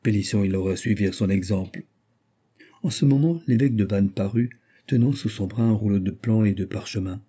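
A man narrates a classic novel in a measured, literary way. His voice is very dark and a bit husky. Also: fairly low pitch. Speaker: audiobook reader.

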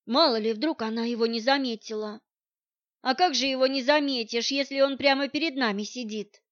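A woman narrating a first-person audiobook in an even storytelling manner. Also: high-pitched, moderate pace, no room sound. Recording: dull, dry audiobook recording.

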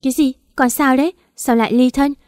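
An older country mother frets and pleads over her grown daughter in a storybook reading, put on by a woman narrator. Her voice sits a little high with a dark, mellow tone. The sound is close and dry. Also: steady tone, fairly quick, no room sound, close to an everyday voice. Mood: anxious. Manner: anxious, scolding, pleading.

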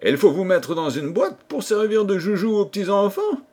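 A man's voice: high voice, big pitch swings, moderate pace, a little mellow, husky, pitched above the performer's own voice, full character voice. A man voicing a fiery army captain who scolds his soldiers in a vibrant voice. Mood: rousing.

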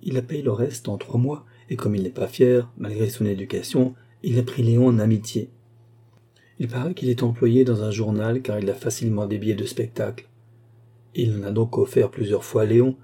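A naive young seamstress recounting how she met a neighbour, voiced by a man. The voice is low-toned and husky, with a plain, talkative manner, as in an audiobook. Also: fairly even intonation, a little fast, warm tone, lightly acted. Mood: chatty. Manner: chatty, matter-of-fact recounting. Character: naive, honest young working girl. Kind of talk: audiobook character reading.

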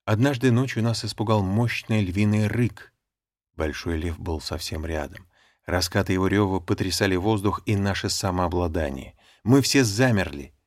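Guy reading a memoir audiobook, lowish voice, dramatic telling, dry close recording. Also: no room sound. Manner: dramatic reading, acting out the dialogue. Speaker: audiobook narrator. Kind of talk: scripted memoir narration.

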